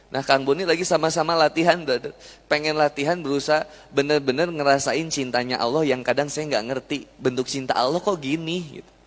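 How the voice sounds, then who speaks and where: Young male preacher, bantering with his audience, fairly high voice. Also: steady tone, brisk. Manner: chatty, jokey, asks the crowd questions. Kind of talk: lively sermon to a live audience. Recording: long hall reverb.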